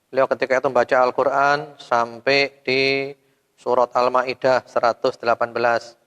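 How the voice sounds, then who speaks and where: A male preacher giving a sermon to a women's study group, firing rhetorical questions at his audience, with sudden loud rises and soft, trailing endings. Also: medium pitch, little pitch movement, moderate pace, clear, resonant tone. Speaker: Islamic preacher. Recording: long hall reverb.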